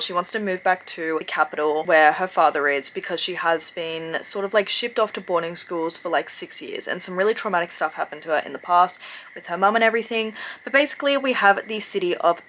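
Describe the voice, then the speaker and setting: A woman's voice: fairly low pitch, a bit bright. Chatty young woman book vlogger. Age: young adult. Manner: chatty, filler-heavy, enthusiastic. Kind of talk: casual vlog chat.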